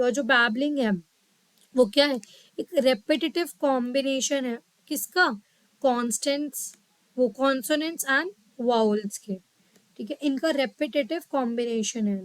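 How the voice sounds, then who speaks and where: A woman teaching a psychology lesson, reading English lines slowly and explaining them in quicker Hindi, often checking in with her listeners. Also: sits high, no echo, low-quality recording. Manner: checks in with "ठीक है". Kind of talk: lecture mixing Hindi and English.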